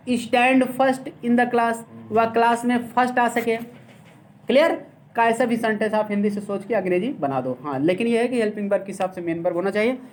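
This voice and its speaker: Guy teaching english grammar, slow explaining, asks "clear?" a lot. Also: high voice, a bit bright. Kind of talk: classroom grammar lesson.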